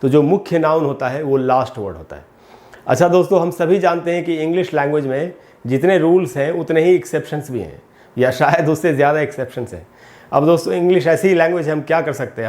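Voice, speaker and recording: A man with a voice a little higher than most men's teaches English grammar in Hindi. He takes each term slowly, repeats it, and keeps calling his viewers friends. He speaks into a close mic with no room sound. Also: expressive, darkish tone.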